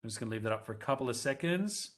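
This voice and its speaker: A man's voice: mid-range voice, lively intonation, rapid-fire, a bit bright. A man presenting a live webinar over a headset mic, talking to the audience in a conversational way and running live polls.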